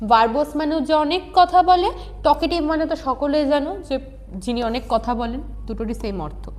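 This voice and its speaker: High-voiced woman teaching vocabulary. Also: normal speed, a little mellow. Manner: checks in with "ঠিক আছে?". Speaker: exam prep teacher. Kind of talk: explaining English vocabulary.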